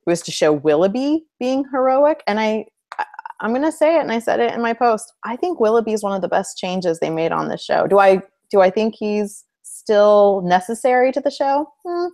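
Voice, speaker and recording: A woman's voice: on the low side, darkish tone. A woman co-hosting a casual fan discussion show, chatty and opinionated, who laughs while she talks. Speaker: co-host. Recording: web show hangout recording.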